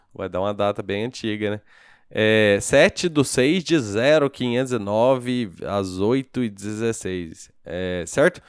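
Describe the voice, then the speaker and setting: A man's voice: fairly low pitch, slow, clear, resonant tone, no room sound, studio quality. A man with a Brazilian Portuguese accent giving a casual programming screencast tutorial, thinking aloud and checking in with the viewer after each step. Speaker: programming teacher.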